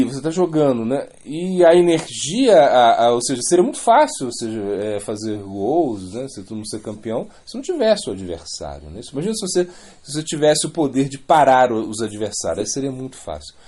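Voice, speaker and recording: A man's voice: medium pitch, dark tone. A man giving an informal religious lecture, rambling, repeating words and adding many questioning asides. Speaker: spiritual teacher.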